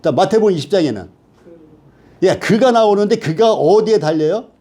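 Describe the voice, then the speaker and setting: High-voiced man teaching a Bible lesson. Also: expressive, normal speed, mellow. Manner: asks the class questions and answers them himself.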